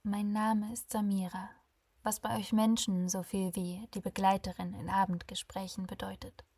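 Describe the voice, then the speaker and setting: Woman doing a warm, teasing guide of the dead. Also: medium pitch, level tone, moderate pace, breathy edge, no room sound. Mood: calm warm. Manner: warm, friendly, softly teasing. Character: gentle ferrywoman of the dead, calm, warm with sarcastic bite.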